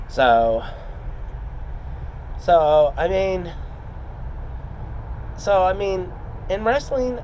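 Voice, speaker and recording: A man talking casually and confidingly, as in a vlog, in a halting, rambling, reflective way. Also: high voice, big pitch swings, a little mellow, slight background noise, poor audio. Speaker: trainee wrestler.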